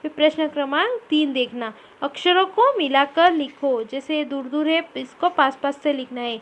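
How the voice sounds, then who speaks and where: A woman teaching a phonics lesson to young children, sounding out each word slowly and saying it twice. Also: high voice, expressive. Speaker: primary school teacher.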